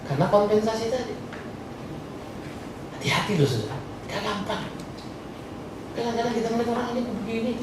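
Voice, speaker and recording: A male pastor preaching a sermon, with animated, jokey, slangy storytelling in a church hall. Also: sits high, gravelly, background noise. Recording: echoey church hall from far off.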